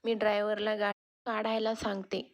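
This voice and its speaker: A woman's voice: mid-range voice, monotone, a little fast, natural voice. A woman reading a meddling aunt. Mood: coaxing. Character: scheming meddling aunt stirring trouble.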